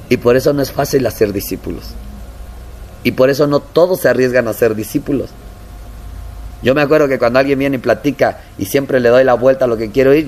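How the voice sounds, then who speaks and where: A man preaching a sermon as a pastor, now and then putting on a high, mocking voice to play his church members. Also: a little mellow, a little hiss or hum. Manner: acts out congregants in a high mocking voice.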